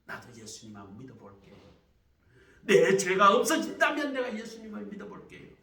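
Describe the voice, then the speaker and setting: A man's voice: high-pitched, wildly swooping pitch, brisk, bright, forceful tone, voice pushed up, full character voice. A man voicing a troubled young mother who tearfully confesses her past, heard from a distance in a roomy hall. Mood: resolved.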